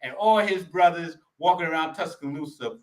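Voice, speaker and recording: A man co-hosting a casual sports talk show, quick and slangy, often cutting in over his co-host. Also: a little high. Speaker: podcast co-host.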